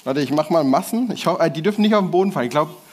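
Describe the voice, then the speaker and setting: A man's voice: fairly high pitch, expressive, very fast, darkish tone, slight background noise. A man preaching a casual sermon to a gathered audience, in slangy everyday speech with restarts and self-corrections. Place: church hall with audience.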